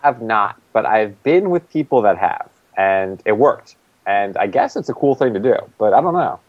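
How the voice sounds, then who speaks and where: A man chats casually about a TV episode, his pitch swinging up and down as he rambles with plenty of fillers. The recording is dry and a bit dull, with little room sound. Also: sing-song, normal speed, no room sound. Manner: loose and rambling, many "like" fillers. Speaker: podcast co-host. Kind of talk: casual TV recap chat.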